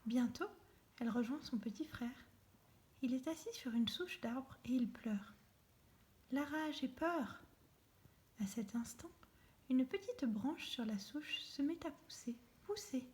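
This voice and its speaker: A woman reading a children's story aloud, soft and often near a whisper. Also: a little high, lively intonation, measured pace.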